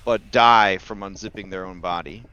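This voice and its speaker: A man chatting casually as a player in a tabletop roleplaying game, with a wry, playful deadpan manner. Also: deep voice, moderate pace, clean tone, highs cut off. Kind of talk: casual in-character game chat.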